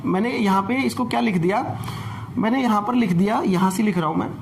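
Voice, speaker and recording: A man's voice: high voice, fairly quick, vocal fry, slight background noise. A man teaching an English grammar class, explaining patiently and repeating points, often asking rhetorical questions.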